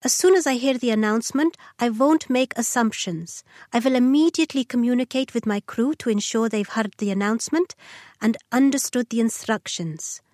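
A woman playing a conscientious, apologetic flight attendant in a scripted lesson dialogue, careful and clearly enunciated. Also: a little high, normal speed, darkish tone, dry recording, studio quality, close to an everyday voice. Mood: apologetic, earnest.

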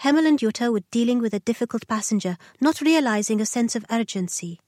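Course dialogue role, actress as conscientious female cabin attendant, careful diction, slightly high pitch, dry sound. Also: animated, quick pace, darkish tone, no echo, close to an everyday voice. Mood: apologetic, earnest. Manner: careful, earnest, clearly enunciated. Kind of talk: scripted language-lesson dialogue.

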